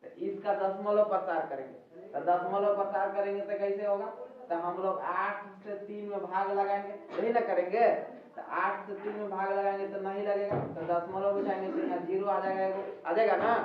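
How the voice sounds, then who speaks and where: A man teaches maths to pupils, walking through each step and pausing to check they follow. His voice sits high and comes from some way off the mic. The room is very echoey, and the sound is dull with a faint hiss. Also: distant mic. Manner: explains step by step, often checks in with "ठीक है". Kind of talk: classroom lesson at a board.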